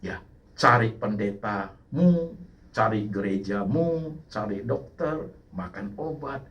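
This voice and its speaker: A man preaching as pastor, swinging from loud exclamations to low asides, a little off the mic. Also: expressive, slow, recorded from a distance. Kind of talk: sermon.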